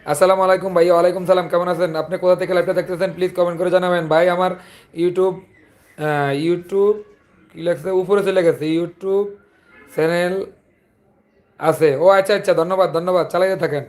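Hosting a casual live chat, a man from Chandpur, Bangladesh, talks in a high, fairly even voice with a Chandpur Bengali accent. He moves at a moderate pace with long pauses, chatty as he greets viewers and requests comments.

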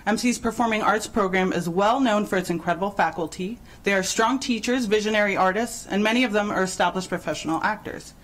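A woman's voice: mid-range voice, fairly quick, few pauses, poor audio. Composed young woman reading testimony. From El Salvador. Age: young adult. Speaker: public hearing speaker, college graduate. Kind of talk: prepared public testimony read aloud. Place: large county council chamber, seated at a desk. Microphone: desk microphone on a stand.

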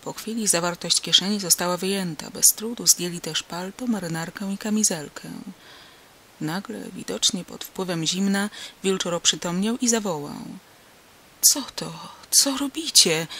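An audiobook narrator with a bright, clear tone, reading a novel in scripted narration. The pace is steady and the delivery is even throughout. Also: mid-range voice, moderate pace, a little hiss or hum.

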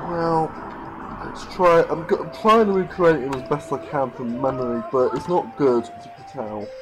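A man's voice: a little high, normal speed, over music, low-quality recording. A man giving irritated, ranting let's play commentary over a life-sim game. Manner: frustrated, ranting, swears mildly. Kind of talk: gameplay commentary.

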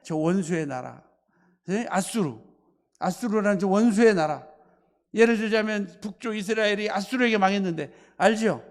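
A male pastor preaching a sermon, telling the story with animated acting and having the congregation repeat lines after him. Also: high voice, normal speed, big-room sound. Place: church sanctuary.

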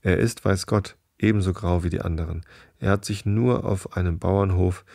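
A man's voice: sits low, steady tone, normal speed, gravelly, mellow, dry recording, studio quality. A man voicing a flock of scornful swans in a read-aloud storybook, mocking and jeering.

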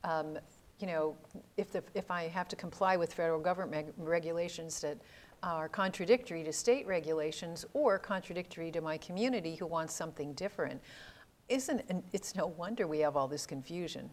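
Low-voiced older woman hosting a studio panel. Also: brisk. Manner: musing, interjects with reactions. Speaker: host. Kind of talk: panel discussion. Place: TV studio set. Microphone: lapel.

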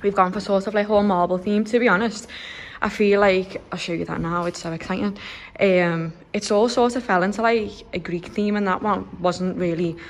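A young woman from Liverpool, a nail salon owner, chatting excitedly with lots of fillers as she films a walkthrough of her salon under renovation on her phone. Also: medium pitch, moderate pace. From Liverpool, England. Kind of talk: walkthrough vlog.

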